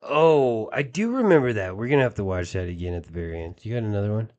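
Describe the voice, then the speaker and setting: A man's voice: lowish voice, expressive, quick pace, a little mellow, dull audio. A man hosting a reaction video, commenting casually on what he watches.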